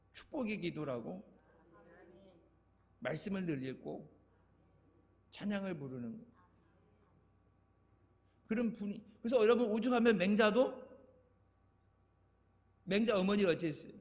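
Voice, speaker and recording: Older korean pastor preaching, high voice, chatty storytelling, big echoey church hall. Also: male voice, darkish tone. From Chungcheong, Korea. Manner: chatty storytelling preaching, laughs at his own anecdotes. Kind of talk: sermon. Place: church sanctuary.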